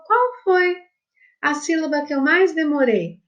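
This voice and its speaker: A woman's voice: high-pitched, lively intonation, unhurried, muffled recording. A woman primary school teacher giving a remote lesson to children, affectionate, drawing out words and spelling them letter by letter, with a Brazilian Portuguese accent. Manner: affectionate, addresses pupils as "my loves".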